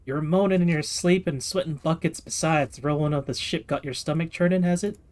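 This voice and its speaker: A man voicing a gruff, nosy seafaring merchant in a folksy drawl while reading game dialogue aloud. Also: fairly high pitch, fairly quick, darkish tone, natural voice. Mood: wry. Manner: folksy, drawling sailor talk.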